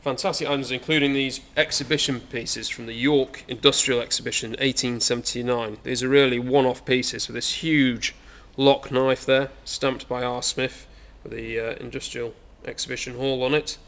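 Recorded on a camera mic in a large indoor saleroom, a young English auctioneer casually shows viewers around his sale, hesitant and heavy on fillers. His mid-range, fairly bright voice keeps a fairly even intonation at a moderate pace, with hardly any pauses.

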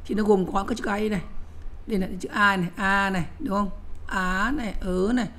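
A woman's voice: mid-range voice, fairly even intonation, fairly quick, a bit bright. A middle-aged woman giving a spoken lecture to teachers, emphatic and repetitive, often checking that listeners follow. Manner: emphatic, repeats words, frequent "nhé" asides.

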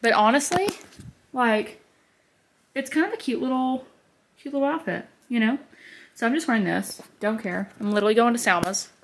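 A woman's voice: on the high side, moderate pace, pauses often, a little hiss or hum. A woman in her twenties talking casually to camera in a beauty vlog, rambling with lots of "like" and "um". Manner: chatty, rambling, heavy use of "like" and "um". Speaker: beauty vlogger. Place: bedroom with vanity mirror, indoors. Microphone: camera on a desk or handheld at arm's length.

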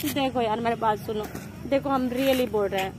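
A woman's voice: fairly high pitch, fairly quick. A woman arguing a male friend by a road, insistent and scolding, faint traffic behind. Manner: insistent, scolding, repeats "ठीक है ना?". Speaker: prank vlog participant. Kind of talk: heated casual argument. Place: outdoors by a road.

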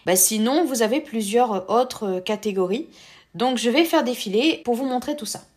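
Woman host, casual tutorial talk, slightly high voice, steady step-by-step explaining. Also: moderate pace. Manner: step-by-step explaining with filler words.

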